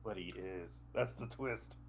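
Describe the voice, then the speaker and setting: A man's voice: low-pitched, a little slow. A man making brief dry interjections during a comedic story reading. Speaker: co-host. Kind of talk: casual comedic banter.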